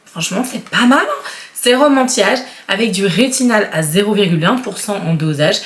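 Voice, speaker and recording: A woman's voice: mid-range voice, lively intonation, moderate pace. A woman in her thirties chatting casually and enthusiastically as she unboxes beauty products, with frequent fillers. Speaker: beauty vlogger. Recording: roomy echo.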